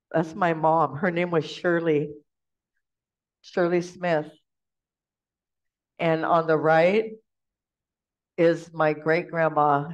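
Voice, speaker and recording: A woman giving an informal storytelling talk as guest speaker, chatty and quick to laugh, recorded in a lecture room. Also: deep voice. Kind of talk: casual storytelling presentation. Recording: dull lo-fi recording.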